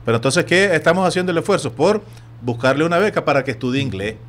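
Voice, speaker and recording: Animated Nicaraguan radio host, man. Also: a little high, fast, slight background noise. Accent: Nicaraguan Spanish. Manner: animated storytelling, acts out quoted voices. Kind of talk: radio sports talk. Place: radio studio.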